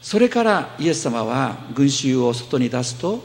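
Pastor with a gravelly voice in a hall. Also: male voice, medium pitch, sing-song, measured pace. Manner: gentle explaining, with fillers and self-corrections. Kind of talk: sermon.

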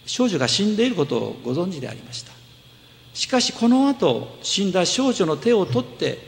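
Male pastor, gravelly and a bit high-pitched, explaining gently, with long hall reverb. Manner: gentle explaining, with fillers and self-corrections. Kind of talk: sermon.

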